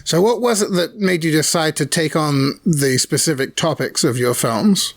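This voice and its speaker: Slightly high-voiced male host. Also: normal speed. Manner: friendly, formal introduction. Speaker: host and magazine editor. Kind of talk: moderating a Q&A.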